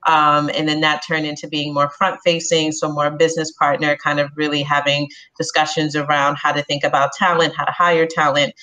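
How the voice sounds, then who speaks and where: Low-voiced woman. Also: fairly bright tone. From New York City (Bronx). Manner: measured, reflective, frequent um fillers. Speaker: HR business partner, panelist. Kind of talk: panel discussion.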